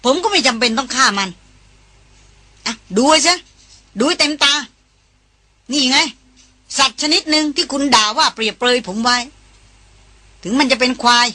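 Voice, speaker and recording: Stern bossy jungle guide man, sharp barking lines, bright tone, a woman reading him aloud. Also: sits high, lively intonation, normal speed, pauses often, no room sound, voice pushed up, full character voice. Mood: scolding. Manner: clipped, scolding, commanding. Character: stern tough male jungle guide, hot-tempered.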